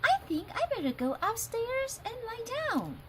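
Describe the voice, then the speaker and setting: A woman voicing a young little girl in a storybook, girlish and high. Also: very animated, unhurried, background noise, heavily acted. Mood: surprised, tired.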